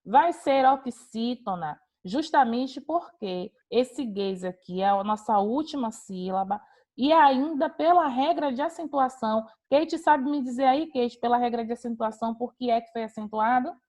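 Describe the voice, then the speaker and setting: A woman's voice: on the high side, moderate pace, darkish tone. A woman teaching an online class, calling on students by name and praising their answers. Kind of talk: online class on a video call.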